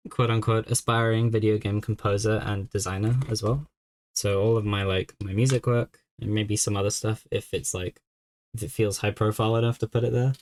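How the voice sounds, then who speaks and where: A man's voice: lowish voice, a little mellow. A young man streaming a game, chatting casually and thinking aloud as he works through a puzzle. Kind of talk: casual live-stream chat.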